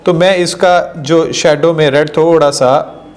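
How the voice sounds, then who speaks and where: High-voiced man teaching software step by step. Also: steady tone, soft background music. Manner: explains step by step, mixing English terms into Hindi; hesitant fillers, slows down on English phrases. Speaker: video editing instructor. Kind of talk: screen-recorded software tutorial.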